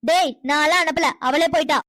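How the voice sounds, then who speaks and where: A woman's voice: sits high, steady tone, a little fast, pushed and bright, no room sound. A woman doing a domineering cartoon mother. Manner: scolding, commanding. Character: domineering scheming mother of a grown son. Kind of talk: cartoon voice acting.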